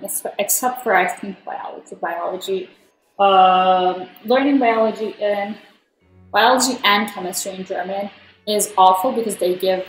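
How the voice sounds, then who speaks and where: A woman's voice: medium pitch, slight background noise. A young woman from Turkey chatting casually while playing a cooking game, rambling with lots of fillers. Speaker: gaming vlogger. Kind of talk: casual gameplay commentary. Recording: roomy, music underneath.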